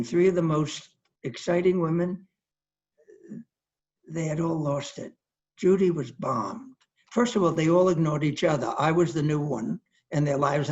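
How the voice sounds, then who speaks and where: A man's voice: on the high side, darkish tone. A man in his eighties performing a solo storytelling monologue, chatty and anecdotal, acting out the people he quotes. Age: 80s. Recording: dull lo-fi streamed audio.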